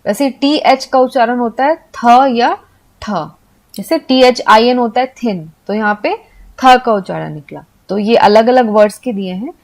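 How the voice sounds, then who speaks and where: A woman's voice: on the high side, darkish tone. A woman teaching an English pronunciation lesson, patiently explaining letter sounds and repeating each point with examples.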